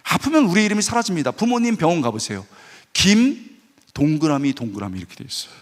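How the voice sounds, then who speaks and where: Animated high-voiced male pastor. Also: fast. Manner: animated, acts out quoted voices, asks the congregation questions. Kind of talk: lively sermon with acted anecdotes. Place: church sanctuary.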